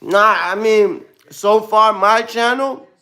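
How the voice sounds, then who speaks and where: A man's voice: sits high, takes it slowly, bright, forceful tone. A man in his thirties with a New York Brooklyn accent, chatting loosely on a live stream and saying "bro" constantly. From born in Ukraine, raised in Brooklyn, New York. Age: 30s. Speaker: livestreamer answering chat. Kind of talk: casual live-stream chat.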